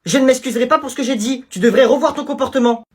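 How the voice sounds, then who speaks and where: A man's voice: extremely high pitch, racing, darkish tone, voice pushed up. A young man voicing a strict adult woman who scolds a rude pupil in an indignant, lecturing way. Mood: scolding.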